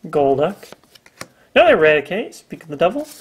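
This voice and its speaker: A young man reading out card names in a drawling, deadpan way with wry jokes during a casual chat. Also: on the high side, moderate pace, slight background noise. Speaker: guest co-host.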